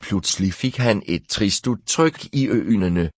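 A man narrating a novel in an even, measured reading. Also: fairly low pitch, no echo, clean studio sound. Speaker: audiobook narrator. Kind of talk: scripted narration.

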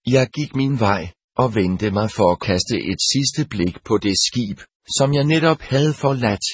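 A man narrating an audiobook in the first person, in a steady, measured reading. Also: medium pitch, husky, no echo, studio quality.

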